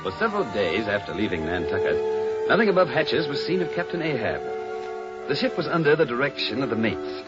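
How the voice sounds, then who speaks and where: In a literary, dramatised audio drama, an actor plays an earnest young sailor narrating his whaling voyage. He speaks at medium pitch with big pitch swings, brisk and natural, in an earnest storytelling mood. The sound is dull lo-fi radio drama with loud music.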